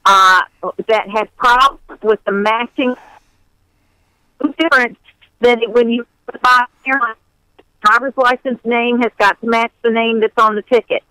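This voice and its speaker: Woman on a cell phone, line breaking up, firm brisk talk, dry sound. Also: a little high, steady tone, sharp tone, clear, resonant tone, no echo, poor audio. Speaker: campaign outreach director. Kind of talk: phone-in radio interview.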